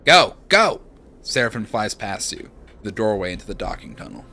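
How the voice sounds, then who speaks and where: A young man streaming a narrative game, reading its text aloud in a hushed, dramatic way and chatting with viewers. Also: fairly low pitch, fairly even intonation, brisk, a little hiss or hum.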